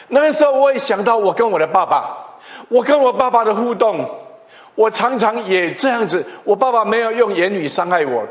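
A middle-aged man, preaching a chatty, animated storytelling sermon. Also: sits high. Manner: animated, chatty, with tag particles and restarts. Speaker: pastor. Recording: long hall reverb.

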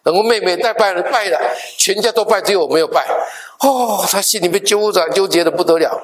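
A middle-aged male pastor telling a story in a sermon, animated and acting out the dialogue, with English words mixed in. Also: sits high, brisk. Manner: animated, acts out dialogue in different voices.

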